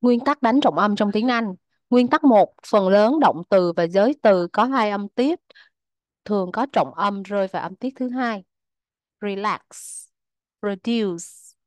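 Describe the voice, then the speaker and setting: A woman's voice: mid-range voice, no echo. A woman with a Vietnamese accent reading out a pronunciation lesson, stating rules and then saying example words one by one. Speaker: English teacher.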